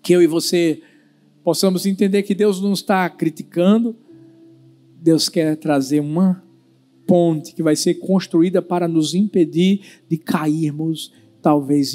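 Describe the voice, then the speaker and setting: A male pastor giving a sermon as an animated storyteller who uses dramatic pauses. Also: fairly high pitch.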